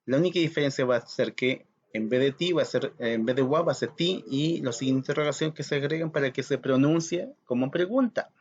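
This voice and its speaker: A man teaching a recorded language lesson, slow and patient, repeating words for learners to practise. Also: medium pitch, highs cut off.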